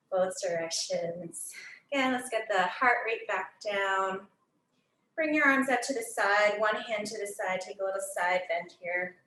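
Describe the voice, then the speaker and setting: A woman's voice: medium pitch, fairly bright tone, slight background noise. A young woman fitness instructor, a little out of breath, counting down and calling out moves to her class. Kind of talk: cueing a workout class. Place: gym studio. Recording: echoey room from far off.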